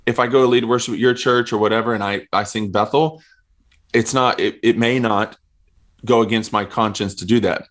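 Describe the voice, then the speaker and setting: Worship leader guy chatting on a podcast, kinda low voice, earnest, stumbles and repeats himself a lot. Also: steady tone, moderate pace, a bit bright. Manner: earnest, repeats words while thinking. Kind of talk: casual podcast conversation.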